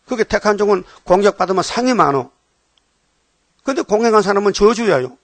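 A man's voice: high voice, expressive, a little fast, no echo. A male pastor preaching a sermon. He repeats key words for emphasis and keeps throwing rhetorical questions at the congregation.

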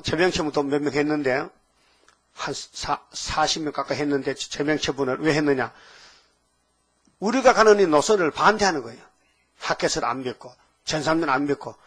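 An older man preaching a sermon, asking rhetorical questions and breaking into sudden emphatic loud rises. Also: a little high, husky. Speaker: pastor.

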